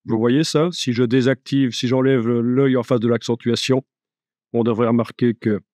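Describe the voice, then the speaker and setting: A man giving a live software tutorial, chatty and joking, thinking aloud as he works. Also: medium pitch, steady tone, moderate pace, dry recording, clean studio sound. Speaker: software instructor.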